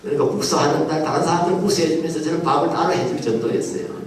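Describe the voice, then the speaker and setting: Animated pastor in an echoing hall. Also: male voice, on the high side, racing. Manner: animated storytelling, acts out voices. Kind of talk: sermon with childhood story. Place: large church hall. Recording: echoey hall from far off.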